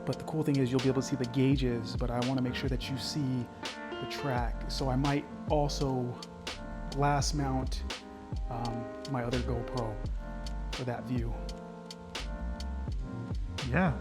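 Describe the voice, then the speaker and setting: Male car vlogger, medium pitch, easygoing off-the-cuff chat, clear music bed behind the voice. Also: steady tone, measured pace, long pauses. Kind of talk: casual vlog chat.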